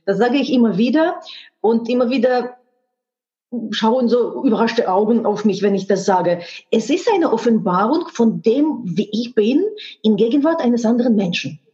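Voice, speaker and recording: A sex educator and hypnotherapist appears as a guest in a candid conversation, speaking in a language that isn't her first, German being not her native tongue. Her voice is a little high and warm; she talks frankly and emphatically, with earthy expletives, restarting as she hunts for words. The audio is dull and muffled.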